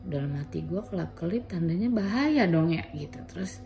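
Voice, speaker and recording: A woman with a low, gravelly, mellow voice tells her own story in a relaxed vlog. She retells conversations in a chatty way and slips English medical terms into her talk. A faint hiss sits under her voice. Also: normal speed, faint music behind. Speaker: mother sharing her thyroid cancer experience.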